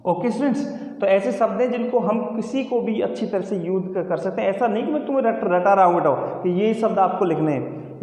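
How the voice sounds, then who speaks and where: Male English teacher, call-and-answer drilling, high pitch, roomy echo. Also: darkish tone. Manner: calls students "beta", asks and repeats answers. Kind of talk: classroom lesson. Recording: echoey room with long reverb.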